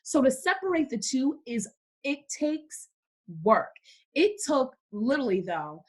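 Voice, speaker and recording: A woman's voice: high-pitched, sing-song, measured pace, husky. A young woman from Cameroon, a podcast guest in casual faith-based conversation, who speaks emphatically and repeats words for stress.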